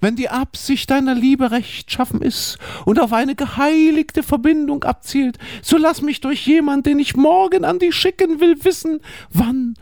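A woman reading the part of a young lovestruck girl, in a slow, earnest, dramatic way. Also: high voice, a little mellow, dry recording, clean studio sound, pitched above the performer's own voice. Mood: earnest, yearning.

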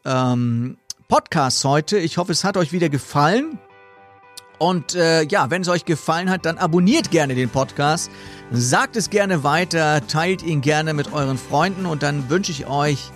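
Guy doing a chill bible podcast, kinda gravelly voice, lots of ähs and repeats, dry sound. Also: a little high, no echo. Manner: relaxed, thinking aloud with fillers and repeated words. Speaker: podcast host. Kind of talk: casual Bible talk podcast.

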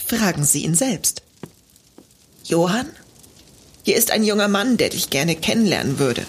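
A woman's voice: lowish voice, big pitch swings, measured pace, a little hiss or hum. A woman playing a wry, guarded housewife. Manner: wry, guarded, then welcoming. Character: wary, dry-witted woman of the house. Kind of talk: radio play acting.

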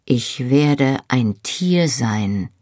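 A reader voicing a tender, teasing young Scottish husband in an audiobook, speaking softly and intimately, often in a whisper. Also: medium pitch, animated, extremely slow, no room sound, studio quality. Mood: intimate, playful. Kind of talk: audiobook reading.

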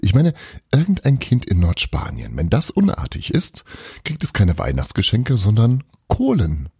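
A man's voice: fairly low pitch, huge pitch swings, moderate pace, warm tone, slightly rough, no room sound, studio quality, full character voice. A man voicing Belana, a bossy witch's daughter. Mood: explaining. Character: young female witch's daughter, bossy and explaining.

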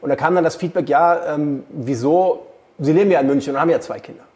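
A man's voice: on the high side, fast talker, a little mellow. A man, a journalist and podcast co-host, telling long anecdotes in casual chat with many fillers.

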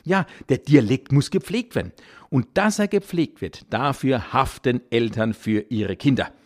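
A man's voice: mid-range voice, lively intonation, unhurried, darkish tone. A man with a Kurpfalz dialect accent, a cabaret artist giving a playful, theatrical comic monologue with exaggerated intonation. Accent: Kurpfalz (Palatinate) German. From Kurpfalz region, Germany. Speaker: cabaret artist, podcast host.

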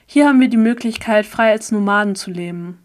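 A patient young man explaining things in a plain, matter-of-fact way, read by a woman. His voice sits at an ordinary middle pitch, in an audiobook story reading. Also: fairly quick, lightly acted.

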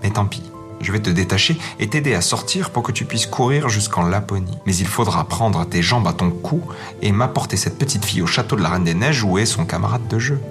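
A man's voice: lowish voice, fairly quick, music in the background, close to an everyday voice. A man voicing a spoiled, fierce little robber girl who bosses and threatens in a storybook reading. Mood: teasing. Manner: bossy, threatening.

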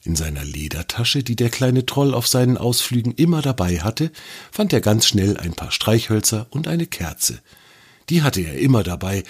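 A man narrating a children's story in an expressive, lively reading voice. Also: on the low side, slightly rough.

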